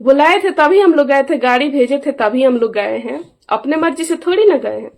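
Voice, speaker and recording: A woman's voice: high-pitched, lively intonation, normal speed, gravelly, a little mellow. A middle-aged woman, speaking as an aggrieved mother in a casual vlog. She talks emphatically and keeps asking those around her to back her up. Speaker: mother airing a family grievance.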